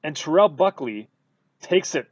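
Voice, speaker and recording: A man from Wisconsin co-hosting a sports podcast, telling stories in a casual, animated way with lots of fillers. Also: a little high, unhurried, no room sound, lo-fi sound. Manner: animated storytelling with many fillers. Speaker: podcast co-host.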